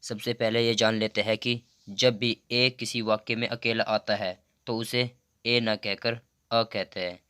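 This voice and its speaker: Guy teaching vowel sounds, slow and careful, low flat voice. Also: clean tone. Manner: slow, careful, reads out word lists one by one. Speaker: English pronunciation teacher. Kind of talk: slow explanatory lesson.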